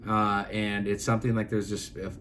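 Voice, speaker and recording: A man in his thirties with a somewhat low voice co-hosts a relaxed podcast conversation. He talks earnestly and loosely, circling back with fillers and restarts. A faint hiss sits under the recording. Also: moderate pace. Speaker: podcast co-host. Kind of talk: casual chat.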